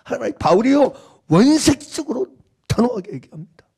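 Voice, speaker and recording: A man's voice: very high-pitched, very animated, fairly quick, gravelly, a little mellow, husky. A middle-aged male pastor preaching a sermon, emphatic and repetitive, firing questions at the congregation.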